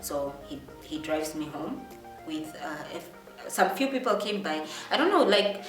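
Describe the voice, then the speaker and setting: Young namibian woman rambling through a storytime vlog, echoey room, quiet music behind. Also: sits low, measured pace. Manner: chatty, animated, with many fillers and restarts. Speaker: vlogger. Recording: roomy, distant mic, faint music.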